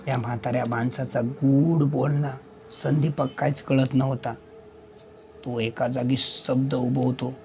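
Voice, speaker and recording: A man with a Malvani accent narrating a spoken horror story in a steady, suspenseful way. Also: medium pitch, unhurried, creaky, a little hiss or hum.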